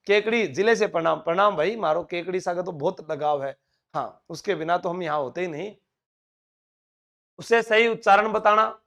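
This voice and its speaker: A man's voice: high-pitched, a bit bright. A man with a Rajasthani Bagri accent teaching a live online exam-prep class. He talks in a chatty, coaxing way and slips into local dialect words.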